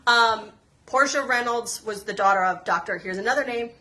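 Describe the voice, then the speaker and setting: A woman's voice: on the high side, normal speed, bright, forceful tone. A woman giving a chatty, enthusiastic tour of an old house, restarting her sentences as she goes. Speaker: history museum staff giving a house tour. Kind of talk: casual chat while touring a house.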